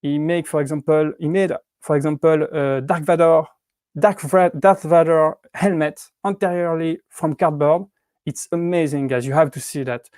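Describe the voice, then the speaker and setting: A Swiss man in his thirties with a French accent hosts a YouTube prop-making channel and chats casually on a livestream from home with his cats. His voice is fairly high, steady and a little mellow at a moderate pace, though he's hesitant with many restarts and fillers. The sound is clean studio quality with no echo.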